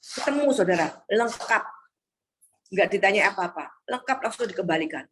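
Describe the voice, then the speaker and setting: A woman's voice: medium pitch, animated, moderate pace, fairly bright tone, a little hiss or hum. A woman preaching an exhorting sermon to a congregation on a video call, often calling the listeners "Saudara".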